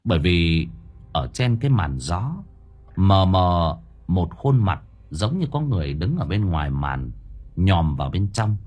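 A man's voice: deep voice, very animated, a little slow, a little mellow, breathy edge. A man narrating a ghost story as an audiobook, vivid and dramatic.

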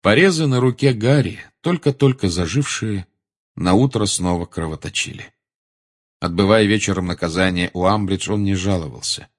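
Husky, expressive male audiobook narrator. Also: sits low, normal speed. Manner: expressive storytelling. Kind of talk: scripted narration.

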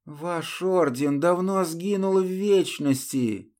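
A man voicing a fierce, defiant young woman who shouts in raised, strained outbursts. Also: high voice, slow pace, voice pushed up. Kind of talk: audiobook character voice.

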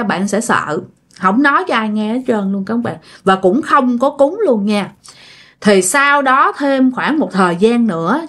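Chatty woman telling a ghost story. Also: medium pitch. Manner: chatty, addresses listeners directly. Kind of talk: casual ghost story narration.

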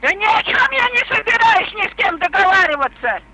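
A woman's voice: very high-pitched, big pitch swings, brisk. An elderly woman arguing on the phone in a suspicious, combative, foul-mouthed manner. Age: older, elderly. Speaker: prank call victim. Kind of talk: argumentative phone talk. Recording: phone call with faint noise.

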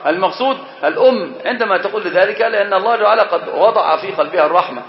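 A man teaching a religious book as a sheikh, lecturing in an animated way. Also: high voice, racing. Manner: animated, acts out quoted speech. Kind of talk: Islamic lecture. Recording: roomy, dull lo-fi lecture recording.

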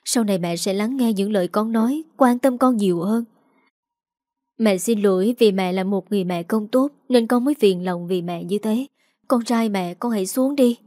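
A woman's voice: mid-range voice, moderate pace, mellow, dry recording, clean studio sound, lightly acted. A woman voicing a distraught middle-aged mother who pleads emotionally with her son. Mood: pleading.

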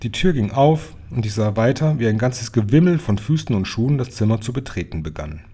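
A man reading a children's storybook aloud with steady, plain narration. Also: medium pitch, brisk, husky. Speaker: reader.

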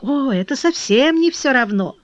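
An eager young flower girl, bright with excitement and pleading in quick exclamations, as a woman reading aloud puts her on. Her voice sits high and swoops widely. The recording is dull and lo-fi, with a dry, close sound. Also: no room sound. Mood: excited.

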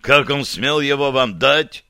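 A man voicing a stern, loud army sergeant who interrogates a private with slow, heavy commands in a dry, close recording. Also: mid-range voice, clean tone, dry recording, pitched above the performer's own voice. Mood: commanding. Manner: barking orders slowly and sternly.

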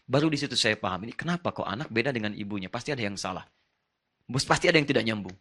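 A man preaching an Islamic sermon, telling personal stories in an animated way and acting out the dialogue. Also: medium pitch, very fast. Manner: animated storytelling, acts out dialogue.

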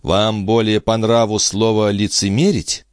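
Man reading a stern calm doctor in an audiobook, kinda low voice, measured and insistent. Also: no room sound, clean studio sound, lightly acted. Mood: firm. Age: middle-aged. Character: stern middle-aged male doctor, calm and firm.

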